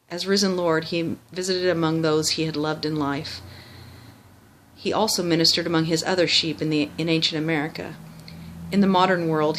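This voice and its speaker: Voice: medium pitch, a bit bright, slight background noise. A person reciting a memorized religious text by rote, formal in wording, with small stumbles and self-corrections.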